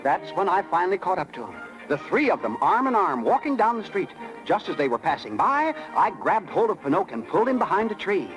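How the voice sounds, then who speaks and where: A man's voice: high voice, very animated, a little fast, rough recording. A man playing a small, chatty cricket conscience, folksy and confiding, in a 1930s radio drama. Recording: vintage radio broadcast with music.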